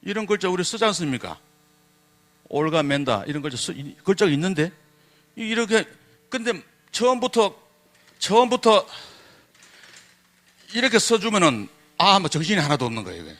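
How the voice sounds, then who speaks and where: A man's voice: high voice, very animated, moderate pace, pauses often, fairly bright tone. A man giving a public lecture, asking the audience rhetorical questions and sounding out letters to demonstrate them. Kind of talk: public lecture on Korean script.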